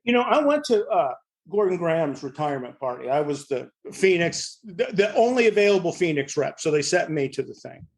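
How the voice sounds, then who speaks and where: A man's voice: fairly high pitch, sing-song, fairly quick, creaky. A middle-aged or older man talking casually on a panel in a blunt, salty, joking way. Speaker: fire service podcast panelist.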